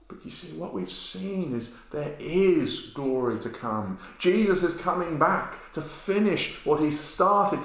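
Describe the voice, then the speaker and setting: A middle-aged man preaches in an unhurried, slightly high voice, telling his story with lively swings from loud to hushed. The bare room around him rings with heavy echo, and the camera sits some distance away. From England. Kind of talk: sermon. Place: bare-walled room indoors, with a sign language interpreter beside him. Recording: very echoey room.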